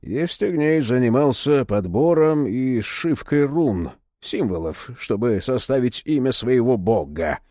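Man doing a cold, bassy henchman. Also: a little slow, hardly any pauses, dry recording, clean studio sound, lightly acted. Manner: bass, calm, indifferent interrogation.

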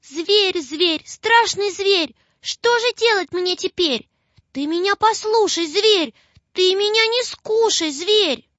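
A woman voicing a frightened little girl who pleads tearfully in a high voice. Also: lively intonation, a little slow, fairly bright tone, dry recording, highs cut off, full character voice. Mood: frightened pleading.

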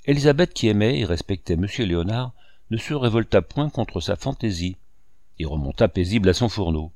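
Low-voiced man reading a story. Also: expressive, darkish tone, no echo, studio quality. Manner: measured literary reading. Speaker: audiobook reader. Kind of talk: scripted narration.

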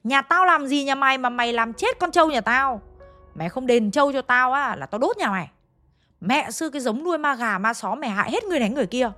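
A woman's voice: high voice, expressive, fast, bright, forceful tone, soft background music, voice pushed up. A woman with a Hanoi accent voicing a hot-tempered, foul-mouthed village wife, screeching and scolding. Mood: furious shrieking. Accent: Hanoi Vietnamese.

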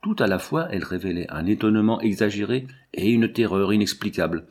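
Low-voiced man reading a novel. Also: expressive, brisk, a little mellow, husky. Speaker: audiobook reader. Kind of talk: literary narration.

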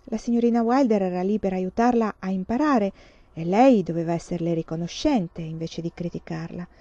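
A woman reading a children's novel aloud with calm, measured narration. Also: medium pitch, dry recording. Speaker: reader. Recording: slightly dull, dry recording.

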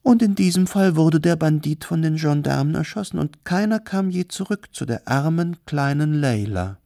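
A man's voice: fairly high pitch, animated, normal speed, creaky, mellow, no room sound, clean studio sound, pitched above the performer's own voice. A man voicing a gossipy, fawning matchmaker of unclear sex in a storybook reading. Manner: fawning, wheedling.

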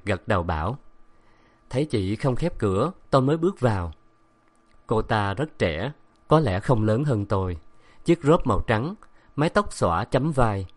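A man narrating a novel in a steady, measured storytelling manner. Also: lowish voice. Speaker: audiobook narrator.

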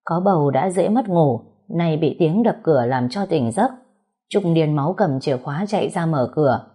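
A woman narrating an audiobook story in a steady, expressive reading voice. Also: low voice, normal speed, breathy edge.

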